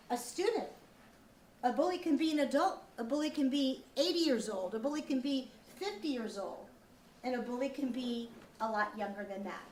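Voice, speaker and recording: A high-pitched woman delivers an earnest, upbeat lesson to schoolchildren. She quizzes them as she goes and repeats key points. The room echoes and the microphone sits at a distance. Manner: earnest, upbeat, asks questions and repeats answers. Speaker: teacher leading a school lesson. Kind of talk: interactive school lecture to children. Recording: roomy, distant mic, faint background noise.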